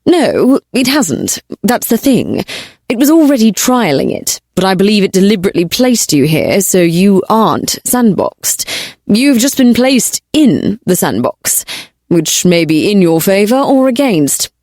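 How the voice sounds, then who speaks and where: A woman's voice: mid-range voice, very animated, measured pace, a little mellow, dry recording, studio quality. A woman voicing a male AI sidekick in an audiobook, sarcastic and a little hesitant. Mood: explaining. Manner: sarcastic, hesitant when delivering bad news. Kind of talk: audiobook character voice.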